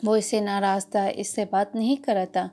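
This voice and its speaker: A woman narrating a romance novel as an audiobook in a steady, even storytelling manner. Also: medium pitch, soft background music. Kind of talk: scripted narration.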